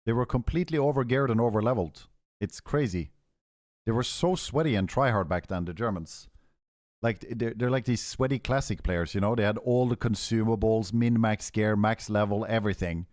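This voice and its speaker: A man's voice: fairly low pitch, moderate pace, darkish tone, no room sound, studio quality. A man with a Norwegian accent, chatting casually on a game stream in a laid-back, profane way full of gamer slang. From Norway.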